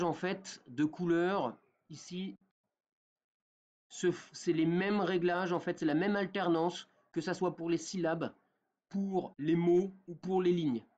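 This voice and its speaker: Man walking through a software tutorial. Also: on the high side, dull audio. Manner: talks step by step with many fillers and a repeated "d'accord?". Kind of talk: screen-recorded software tutorial.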